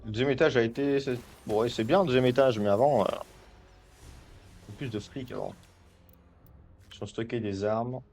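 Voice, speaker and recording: A man's voice: mid-range voice, normal speed, long pauses, darkish tone. Stammering man joking over gameplay. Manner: rambling, joking, frequent stammered restarts. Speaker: gaming video creator. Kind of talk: casual gameplay commentary.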